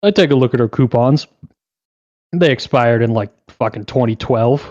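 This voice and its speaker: A young man co-hosting a podcast, telling a story in an animated, profane way. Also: mid-range voice, normal speed, no room sound, dull audio. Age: young adult. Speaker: podcast co-host.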